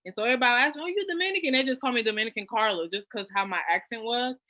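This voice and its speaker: Talking rapid-fire, a young New Orleans woman is a chatty interview guest, piling on fillers and jumping animatedly in pitch. The recording is dry with no room sound, and dull and lo-fi.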